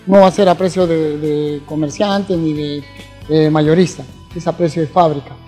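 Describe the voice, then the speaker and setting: A middle-aged man with a Peruvian Spanish accent, interviewed in a formal hall with a handheld mic, promoting an event with many pauses and fillers. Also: a little high, fairly even intonation, mellow, faint music behind. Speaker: event organizer. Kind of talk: on-camera interview. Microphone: handheld station mic.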